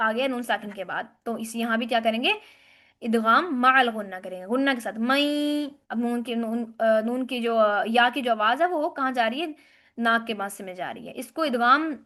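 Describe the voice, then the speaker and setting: Female tajweed teacher, bright and sharp voice, recites slowly. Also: on the high side. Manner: explains rules step by step, asks and answers own questions; recites Arabic words slowly and drawn out. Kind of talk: tajweed lesson.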